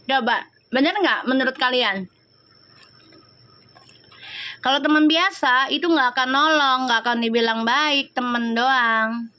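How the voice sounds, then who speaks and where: A woman's voice: sits high, moderate pace, pushed and bright. A woman, chatting on a live stream and scolding viewer comments in a sassy, slangy way. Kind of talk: casual live-stream chat reading comments.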